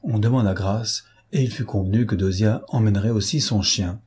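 A man reads a classic novel aloud in a measured, steady storytelling manner. His voice sits low and dark, with a mellow, slightly husky grain. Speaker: audiobook narrator. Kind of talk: scripted literary narration.

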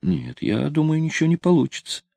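A man's voice: fairly high pitch, very animated, fairly quick, vocal fry, dark tone, no echo, voice pushed up, exaggerated voice. A man reading an audiobook, voicing a coy, stubborn young woman. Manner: hesitant, teasing.

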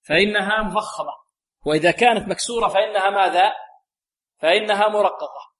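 Guy teaching quran recitation, fairly high voice, keeps asking the class and repeating the answers. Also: fairly quick, fairly bright tone. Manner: drills sounds aloud, asks the class questions and repeats answers; often repeats a set blessing phrase to the students. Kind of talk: tajweed lesson to students.

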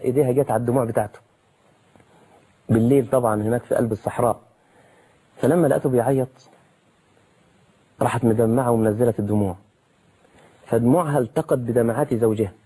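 Egyptian male preacher, quick husky delivery, mellow tone, dramatic pitch jumps. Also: rough recording. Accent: Egyptian Arabic. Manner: animated, dramatic, rises sharply in pitch for emphasis. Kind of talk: colloquial sermon.

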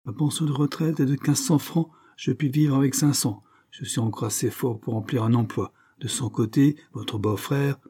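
Stern old father, formal and commanding, mellow husky tone, as a male reader puts him on. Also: medium pitch, fairly even intonation, moderate pace, hardly any pauses, pitched above the performer's own voice. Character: stern aging father, proud and severe.

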